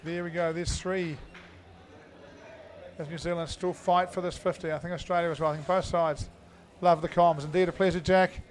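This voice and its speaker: A rather high-voiced man calling an indoor cricket match live. He talks in a loose, chatty way with plenty of fillers and sudden loud shout-outs to viewers. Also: little pitch movement, normal speed. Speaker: cricket commentator. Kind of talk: live sports commentary.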